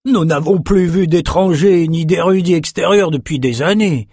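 A man's voice: a little high, normal speed, a little mellow, husky, no room sound, studio quality, voice pushed up. A male reader voicing a suspicious red-faced shepherd who speaks in a guarded, grumbling way. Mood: wary.

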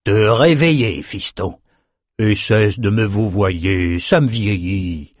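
A man voicing a gruff, teasing old male wizard in an audiobook. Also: lowish voice, slow, no echo, clean studio sound. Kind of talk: audiobook character voice.

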